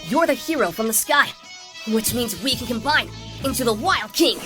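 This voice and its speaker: A woman voicing an earnest, excitable heroic robot in a dubbed cartoon, speaking over background music. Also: on the high side, moderate pace, natural voice.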